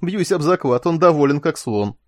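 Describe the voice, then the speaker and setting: A male narrator voicing a drugged, giggling man who is weak but cheeky, raising his voice high and loud. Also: fairly quick, no room sound, studio quality, natural voice. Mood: giggly.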